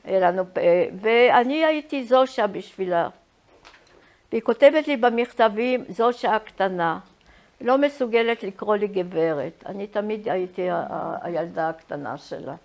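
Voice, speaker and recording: Elderly woman recounting her life haltingly. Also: mid-range voice, a little mellow. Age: 80s. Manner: halting, searching for words. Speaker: Holocaust survivor giving testimony. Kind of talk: personal reminiscence, storytelling.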